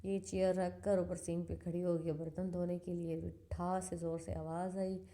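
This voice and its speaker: Woman, 30s, family vlogger voice-over, low and flat delivery, dark mellow timbre. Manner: soft, steady, conversational storytelling. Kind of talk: casual voice-over narration of home video.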